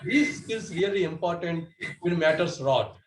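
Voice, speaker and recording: A man's voice: a little high, lively intonation, normal speed, echoey room, slight background noise, poor audio. A man giving a prepared club speech over a video call, earnest and correcting himself as he goes. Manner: earnest, with restarts and self-corrections. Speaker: club speaker.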